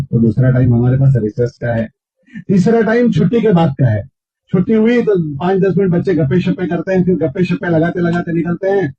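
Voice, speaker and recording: A man's voice: fairly high pitch, husky. A man preaching to students, often asking the crowd questions and acting out imagined talk. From India. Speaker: Islamic preacher. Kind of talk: sermon to students. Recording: muffled lo-fi recording.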